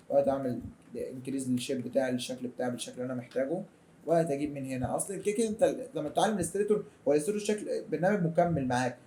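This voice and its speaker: A young man with an Egyptian accent gives a chatty, colloquial software tutorial over a screen recording. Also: a little high. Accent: Egyptian Arabic. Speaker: design tutor.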